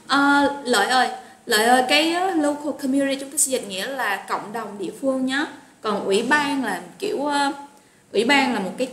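This woman's voice is fairly high and fairly bright, with a Southern Vietnamese accent. She teaches a live online class on English vocabulary, chatting and encouraging students by name, captured in an echoey room with faint noise.

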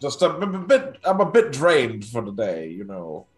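A man in casual, improvised tabletop role-play, speaking in a hesitant, halting way. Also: mid-range voice, wildly swooping pitch, soft background music. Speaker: tabletop game player.

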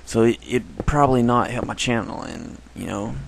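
A man's voice: medium pitch, moderate pace, creaky, low-quality recording. A man giving casual, rambling commentary while playing a game, often correcting himself. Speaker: gameplay commentator.

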